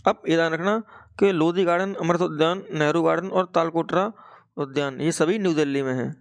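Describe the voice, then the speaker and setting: A man's voice: on the high side, fairly quick. A young man with a Hindi accent teaching an exam-prep lesson, saying each fact twice as if for dictation.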